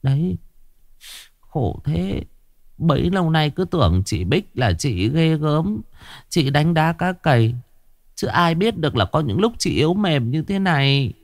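A man's voice: fairly high pitch, big pitch swings, measured pace, dry recording, studio quality, pitched above the performer's own voice. A man voicing a gossiping village woman who sighs in sympathy. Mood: sympathetic. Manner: sighing, gossipy.

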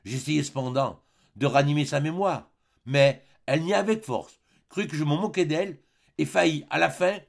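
A man narrating a classic novel as an audiobook in an expressive, dramatic reading. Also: a little high, moderate pace, creaky.

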